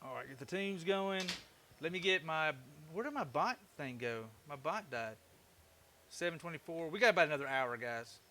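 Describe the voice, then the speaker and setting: Bright-voiced Southern man chatting on a livestream. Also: a little high, lively intonation, normal speed, slight background noise. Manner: easygoing, folksy, chatty with viewers. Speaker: woodworking livestream host. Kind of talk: casual livestream chat while working.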